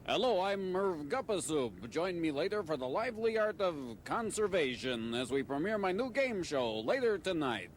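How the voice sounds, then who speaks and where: A man voicing a smarmy game-show host with slow, smooth patter. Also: sits high, sing-song, a little hiss or hum.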